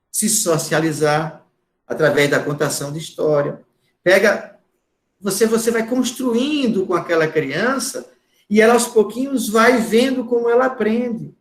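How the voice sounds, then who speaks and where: Male instructor, high, forceful lecturing voice, echoey room. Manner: loud, emphatic, repeats words for stress. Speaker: course instructor. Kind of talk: lecture to a class.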